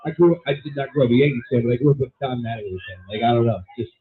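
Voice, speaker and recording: A man's voice: medium pitch, very fast. A man co-hosting a casual sports radio show, giving strong, emphatic opinions. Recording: tinny phone-like radio audio.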